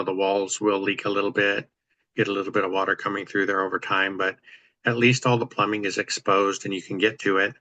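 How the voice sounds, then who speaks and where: Deep, flat-voiced man explaining plumbing. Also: dry recording, rough recording. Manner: practical, explanatory, easygoing. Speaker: real estate investor host. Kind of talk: casual chat on a video call. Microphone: video call.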